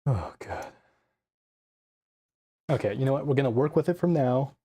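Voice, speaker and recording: Mellow-voiced young man streaming a PC build. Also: mid-range voice, lively intonation, normal speed, slightly rough. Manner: scattered and self-deprecating, thinking aloud. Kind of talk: casual live-stream talk. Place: home desk setup. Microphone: desk mic with live compressor tweaks.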